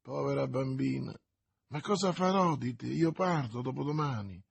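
A man reading aloud and voicing a bold young swordsman, earnest and commanding, in a husky voice. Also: mid-range voice, moderate pace, no echo. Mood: reassuring.

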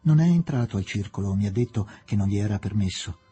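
A man reading an audiobook and voicing a gentle, dreamy elderly English woman who talks softly and forgetfully. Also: lowish voice, lively intonation, fast, husky, soft background music. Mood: wistful. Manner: soft, wistful and forgetful.

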